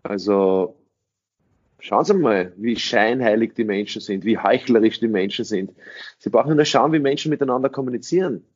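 A low-leaning male voice with a breathy edge, at normal speed, belongs to a middle-aged English-speaking sales trainer. He answers interview questions emphatically, circling back to phrases and asking rhetorical questions, on a dull lo-fi recording.

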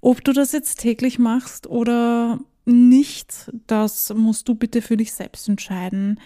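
A native German speaker hosting her own podcast chats casually alone, with occasional laughter and English phrases mixed in. Her voice is a little high and dark, with a steady tone and a slow pace.

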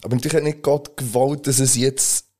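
Male podcast co-host with a Swiss German accent, mid-pitched, easygoing and chatty. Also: brisk. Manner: relaxed, laughing storyteller. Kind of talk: casual chat, storytelling.

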